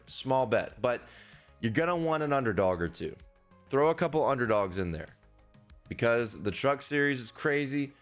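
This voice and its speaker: Casting: man with a low voice, solo betting podcast host, loose and candid, faint music underneath. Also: fairly bright tone. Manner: candid, casual, swears freely. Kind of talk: casual solo analysis.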